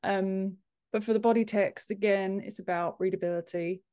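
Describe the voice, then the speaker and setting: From a home office, a woman in her thirties joins a podcast by video call, wearing an earphone headset. An author and book formatter, she explains things casually but emphatically in a medium-pitched, mellow, clean voice, steady in tone and at normal speed.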